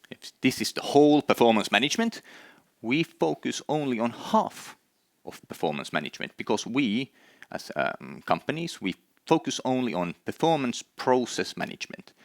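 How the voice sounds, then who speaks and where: A man's voice: fairly low pitch, a bit bright, no echo, studio quality. A middle-aged man from Finland with a Finnish accent, giving an earnest conference presentation with many hesitations. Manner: earnest, with frequent "uh" hesitations and repeated words. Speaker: conference speaker. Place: conference hall.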